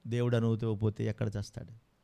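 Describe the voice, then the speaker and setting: A man's voice: on the low side, little pitch movement, fast talker, creaky, warm tone. A man preaching a sermon with passion, firing rhetorical questions at his congregation.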